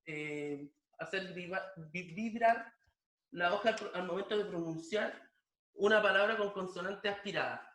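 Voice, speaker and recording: A man teaching a language lesson slowly and patiently, repeating each word several times so that students can copy it. His voice sits fairly high for a man, and he is recorded in an echoey room. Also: fairly bright tone. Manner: slow, patient, repeats words and drills pronunciation.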